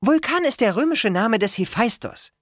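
A firm, take-charge teenage girl who leads a summer camp, her voice pitched clearly higher and lifting with lively rises and falls, as an audiobook reader puts her on. She sounds dry and close, with no room around her. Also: normal speed, dry recording, lightly acted. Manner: firm, reassuring, takes charge. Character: confident teenage girl leader, camp guide. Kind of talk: audiobook character voice.

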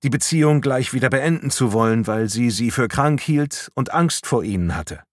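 A man's voice: medium pitch, expressive, moderate pace, dry recording, studio quality, lightly acted. Pointed policewoman pressing a suspect, voiced by a man. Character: female police officer, accusing.

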